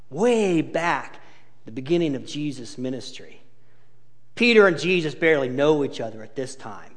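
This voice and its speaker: A male pastor preaching a sermon, telling the story in an animated way with touches of humor, in a large hall. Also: on the high side. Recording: long hall reverb.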